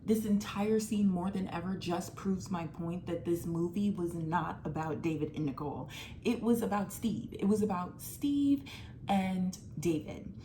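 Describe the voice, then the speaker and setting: A woman in her twenties with a lowish, warm voice talks about a film, with a little hiss or hum on the recording. Her commentary is casual and emphatic, crowded with filler words like "like," and her pace swings between fast and drawn out.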